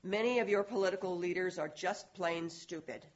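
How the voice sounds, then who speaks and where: A grave otherworldly herald declaims humanity's coming troubles in a solemn, measured cadence, as an actor performs it. The audio drama recording has a muffled, lo-fi quality. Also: medium pitch, close to an everyday voice.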